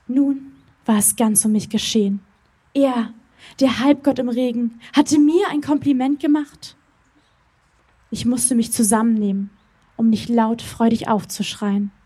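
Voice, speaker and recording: A woman reads her own story aloud, slow and dreamy, pausing often between phrases. Her voice is mellow and breathy, sitting a bit high for a woman. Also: fairly even intonation. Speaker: reader at a public reading.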